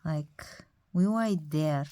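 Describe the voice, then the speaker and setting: A Bulgarian-accented woman in her thirties narrates a casual hobby vlog about her doll collection, hesitating often with fillers. Her voice is deep and dark-toned, and she speaks extremely slowly.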